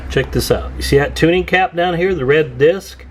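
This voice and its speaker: A man acting as a radio repair technician and video host gives an informal, hands-on repair walkthrough, thinking aloud as he works. His voice is fairly high-pitched at a moderate pace, with a little hiss or hum.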